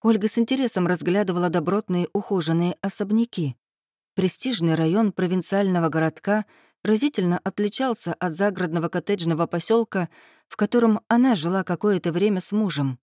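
A woman reading a novel aloud as narrator, acting out the dialogue with lively voices. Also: brisk, no room sound, clean studio sound. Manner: lively, acts out dialogue with raised pitch. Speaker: audiobook narrator. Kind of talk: scripted narration with character voices.

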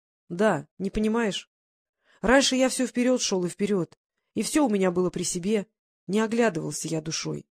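A reader voicing a weary, broken-hearted man back from prison, talking in a halting, low, self-pitying way in an audiobook. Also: a little mellow, no room sound, lightly acted.

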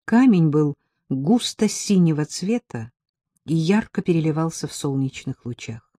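A woman reading a first-person audiobook in a steady storytelling manner with a touch of dry irony. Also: low-pitched, a little slow, no room sound. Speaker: audiobook narrator.

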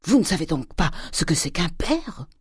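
A reader voicing a domineering, miserly old father who lurches from loud fury to hissed whispers. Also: medium pitch, very animated, moderate pace, slightly rough, dry recording, studio quality. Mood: scolding. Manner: thundering, swinging from shouts to hissed whispers. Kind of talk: audiobook character reading.

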